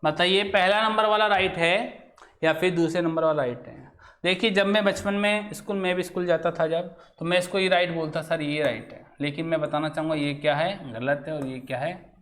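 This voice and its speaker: A man with a high-pitched voice gives a classroom lesson on grammar. He keeps asking his listeners questions and then answers them himself. He says example words over several times, slowly, so the sounds come through. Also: steady tone, fairly bright tone. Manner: repeats example words slowly to show how they sound. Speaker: Hindi grammar teacher. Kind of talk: classroom lecture.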